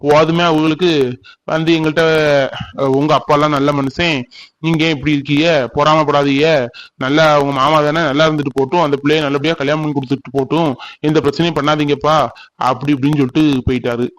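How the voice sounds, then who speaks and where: A man's voice: a little high, flat delivery, natural voice, rough recording. A man voicing heartbroken young village man Saravanan. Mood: troubled. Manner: mournful, pleading, slow and tearful. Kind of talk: cartoon voice acting.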